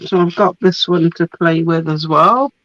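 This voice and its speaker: A woman's voice: lowish voice, fairly even intonation, a little slow, fairly bright tone, dry recording, dull audio. A woman getting a cold, chatting casually as she shows off craft papers, laughing often and trailing off with ums. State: getting a cold, losing her voice. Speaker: host showing craft papers. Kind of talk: casual product show-and-tell.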